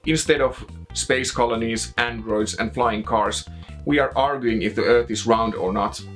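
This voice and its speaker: A man's voice: medium pitch, measured pace, a bit bright, faint music behind. A man with a Finnish accent reading a scripted video essay narration as the host of a game review show.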